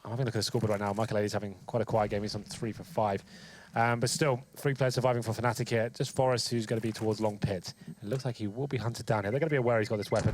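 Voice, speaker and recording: A man breaks down the tactics of a shooter match at a breakneck pace, in a casual, analytical way with plenty of fillers. Faint game noise sits behind his voice. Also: mid-range voice. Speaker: color commentator. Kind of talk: esports analysis commentary.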